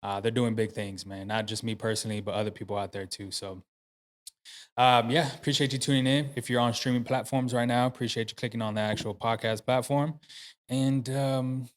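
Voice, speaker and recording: A man's voice: mid-range voice, flat delivery, a little fast. A man hosting a podcast, talking casually in a loose, rambling way with many fillers and restarts. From United States. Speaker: podcast host. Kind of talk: casual interview chat. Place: podcast studio.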